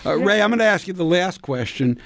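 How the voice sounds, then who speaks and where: A man's voice: high-pitched, expressive, brisk, a bit bright. A male interviewer asking questions hesitantly, searching for his words. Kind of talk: conversational interview.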